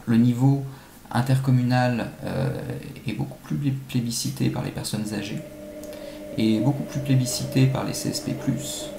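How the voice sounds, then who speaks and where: A man with a mid-range voice is interviewed as an academic expert, giving measured, analytical answers with some halting phrasing. The room is echoey, and background noise ranges from faint to clear.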